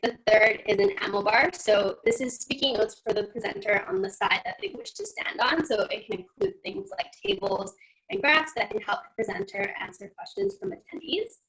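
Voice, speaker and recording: A woman's voice: on the high side, expressive, normal speed, gravelly, fairly bright tone, poor audio. A woman giving an online conference presentation, explaining slide by slide, her call audio cutting out with static. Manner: explains slide by slide, starting sentences with "so". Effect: audio cutting out with static on a video call. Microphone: computer mic on a video call.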